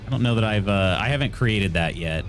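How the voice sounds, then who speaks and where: A man's voice: fairly low pitch, expressive, a little fast, faint music behind. A man with a Midwest American accent tinged with Southern, chatting casually as he streams a game, rambling and joking as he reads out comments. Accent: American Midwest with some Southern. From Indiana, US Midwest. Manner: jokey, rambling, reading viewer comments aloud. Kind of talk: casual live gameplay chat.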